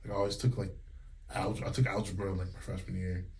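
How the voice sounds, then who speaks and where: Fast-talking with a voice that sits low, a Connecticut singer and music teacher in his thirties chats frankly during an informal interview. He leans heavily on fillers and likes to retell moments by quoting what was said.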